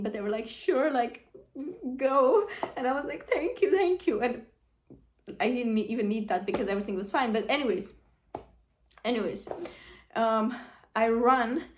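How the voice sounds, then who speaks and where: A woman's voice: a little high, darkish tone. A young woman vlogger telling a casual story, rambling with lots of fillers and acted-out quotes. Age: young adult.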